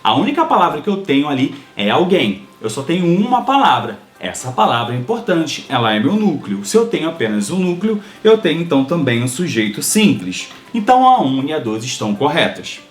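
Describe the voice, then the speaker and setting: A man teaching a Portuguese grammar lesson for exam prep, explaining step by step and often checking in with quick tag questions. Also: on the high side, very animated, echoey room, faint music behind.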